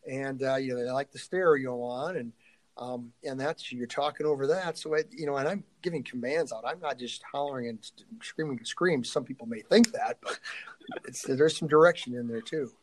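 A middle-aged strength coach talks casually in an interview, speaking haltingly, often thinking out loud and letting sentences trail off. His voice is medium-pitched, and the audio quality is poor.

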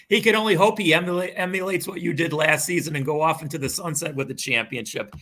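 A man hosting a casual sports interview, chatty and friendly. His voice sits a little high and rings bright and forceful. His questions wander before they land. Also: a little fast. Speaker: host, former basketball player.

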